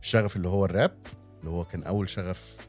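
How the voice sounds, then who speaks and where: An Egyptian-accented man talks rapidly in a fairly low voice. His chat is casual banter, with phrases repeated for emphasis, over faint background music. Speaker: stand-up comedian and amateur rapper.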